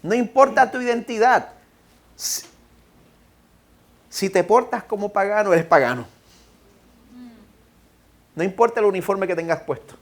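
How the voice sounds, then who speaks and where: Un pastor con acento puertorriqueño predicando ante su congregación, que lee las Escrituras con énfasis pausado y exhorta directamente a los oyentes. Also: male voice, high voice. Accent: Puerto Rican Spanish. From Puerto Rico. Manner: reads scripture slowly and emphatically, then exhorts the congregation directly. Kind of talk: sermon. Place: church sanctuary.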